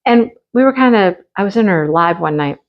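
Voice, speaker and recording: Showing off her crafts in casual chat, a Michigan woman who's losing her voice gushes frequently about things she loves. Her voice is medium-pitched, brisk and lively in intonation. The sound quality is lo-fi.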